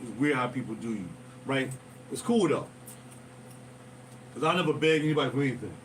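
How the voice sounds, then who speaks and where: Speaking a little fast with lively intonation at a medium pitch, this man is a musician telling casual, meandering stories on his livestream. He wanders off topic, loses track of where he was, and talks straight to his viewers. Slight background noise and music come through a distant microphone.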